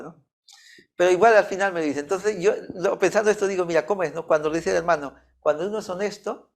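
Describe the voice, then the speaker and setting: A man's voice: on the high side, creaky. A man, leading a church youth group with an informal talk and a personal story. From Peru. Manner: storytelling, acting out both sides of a dialogue.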